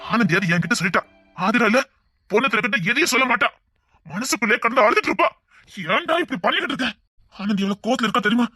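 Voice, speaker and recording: A man's voice: extremely high pitch, animated, quick pace, pushed and bright, husky, no room sound, soft background music, heavily acted. A man playing a stern scolding elder brother. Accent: Tirunelveli Tamil. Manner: scolding, pleading.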